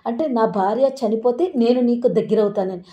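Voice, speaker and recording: A woman voicing a furious young husband who shouts threats at a woman he blames. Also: fairly high pitch, a little fast, dull audio, natural voice.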